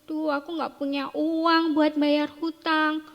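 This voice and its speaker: A woman's voice: high-pitched, level tone, slow pace, lo-fi sound, voice pushed up. A woman voicing a poor widowed mother who pleads tearfully for help, in a reverberant hall. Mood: pleading.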